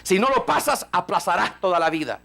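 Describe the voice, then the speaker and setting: A man preaching a fiery sermon, rising to shouts and acting out dialogue between characters. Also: sits high, sing-song, a little fast, creaky. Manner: fiery, rising to shouts, acts out voices of Peter and God.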